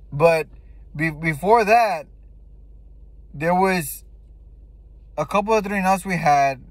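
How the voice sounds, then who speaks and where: A man's voice: a little high, dry recording. A man giving casual sports fan commentary in a blunt, emphatic way, with slang and swearing. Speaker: football fan giving game reaction.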